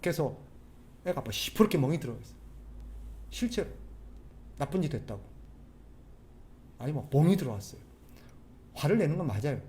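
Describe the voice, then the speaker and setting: A man preaching a sermon as a pastor, animated, putting rhetorical questions to the congregation. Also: fairly high pitch, moderate pace, pauses often, slight background noise. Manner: acts out quoted people's voices.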